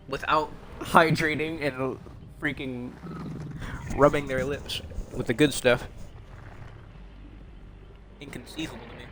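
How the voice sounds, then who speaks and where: This young game streamer, speaking at medium pitch against a noisy background, keeps up a casual, rambling patter over his gameplay. His humor is wry, aimed at himself and at the other players.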